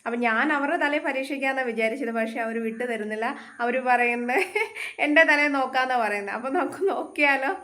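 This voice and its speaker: A woman's voice: high voice, fast, a bit bright. A woman hosting a casual family challenge vlog at home, playful and giggly, coaxing the others along. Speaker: vlogger host. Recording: echoey room.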